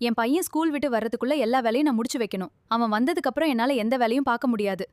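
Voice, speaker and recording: A woman's voice: a little high, racing, darkish tone, dry recording, lightly acted. A woman acting as a young wife in a family drama, talking earnestly and pleadingly. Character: young wife of the household, defending herself.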